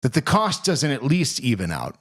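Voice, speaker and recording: A man's voice: mid-range voice, wildly swooping pitch, normal speed. A man co-hosting a podcast, arguing his point in casual chat and repeating himself as he riffs. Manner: argumentative, riffing, repeats himself. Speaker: podcast co-host.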